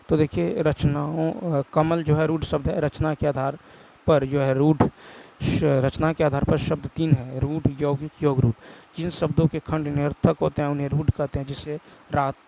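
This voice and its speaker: A man's voice: on the high side, vocal fry, warm tone, poor audio. A male teacher, with a Bihar Hindi accent, goes through exam prep answers, reading each question and then repeating the answer.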